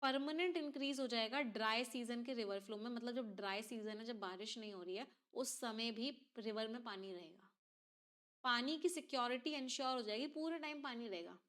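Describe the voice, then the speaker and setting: Woman, teacher, lesson, step-by-step explaining, questions to class, higher pitch. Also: fairly quick, fairly bright tone. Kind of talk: exam reading-comprehension lesson.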